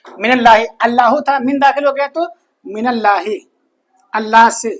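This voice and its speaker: An Arabic teacher with a very high-pitched voice gives a grammar lesson, slowly repeating each phrase and answering his own questions.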